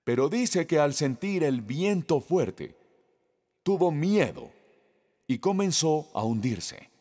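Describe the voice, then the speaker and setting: A man delivers a sermon, reading scripture aloud and stopping to ask the congregation questions. He speaks slowly, and his pitch moves lively up and down. His voice carries a long reverb, like a large hall. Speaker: preacher.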